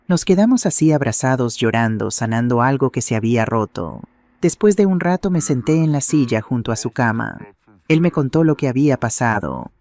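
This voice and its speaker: A man narrating a first-person family drama in a steady, dramatic storytelling manner. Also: mid-range voice.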